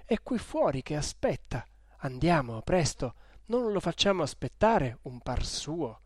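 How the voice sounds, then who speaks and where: An elderly, timid village priest from a storybook, reassuring and gently urging, as a man reads him. The voice sits a bit high and is recorded close and dry. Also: big pitch swings, unhurried, no echo.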